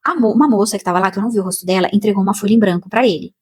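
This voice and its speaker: A Brazilian woman slowly and emotionally telling a personal spiritual testimony, with many repetitions. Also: mid-range voice, darkish tone, husky. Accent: Brazilian Portuguese. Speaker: spiritual channel host.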